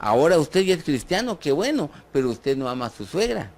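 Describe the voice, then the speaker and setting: A man's voice: a little high, sing-song, brisk, darkish tone. A man with a Guatemalan accent preaching a sermon, asking his listeners rhetorical questions and joking with them. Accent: Guatemalan Spanish. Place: church.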